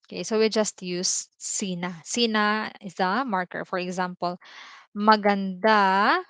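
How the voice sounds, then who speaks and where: A woman with a Filipino accent teaches a livestream language lesson, explaining patiently and repeating each example. Her voice is smooth and clear, recorded close and dry with no room echo. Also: mid-range voice, steady tone, fairly bright tone. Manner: explains slowly, repeating examples, many "no" and "okay" tags. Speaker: Tagalog teacher.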